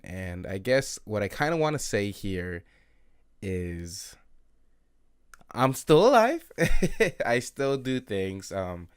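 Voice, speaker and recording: A man's voice: fairly low pitch, smooth. A man in his early twenties hosting an unscripted late-night solo podcast, rambling, self-critical and swearing, with many fillers and laughs. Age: 20s. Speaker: podcast host.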